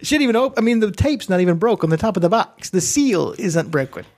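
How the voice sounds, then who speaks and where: A fast-talking podcast co-host with a high, darkish voice and lively intonation tells a long, casual anecdote that drifts into asides and self-corrections. Faint music plays behind him, and he uses a studio microphone plugged into a computer.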